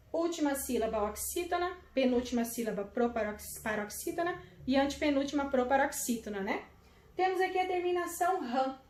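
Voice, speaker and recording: A woman's voice: high-pitched, roomy sound. A Brazilian woman teaching a video lesson to young children, explaining patiently and affectionately. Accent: Brazilian Portuguese. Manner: affectionate, explaining slowly with fillers. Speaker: primary school teacher.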